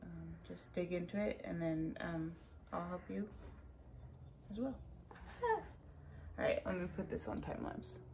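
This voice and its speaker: Against kitchen clatter of clinking dishes, cutlery and utensils, a woman with a low-ish, gravelly voice leads a casual home cooking lesson. She's animated and unhurried, leaving long pauses as she chattily coaches a helper step by step.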